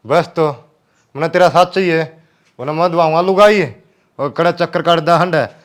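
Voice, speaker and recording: An actor playing a grown village son who speaks in a worried, pleading way with a Haryanvi accent. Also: male voice, on the high side, moderate pace, lightly acted.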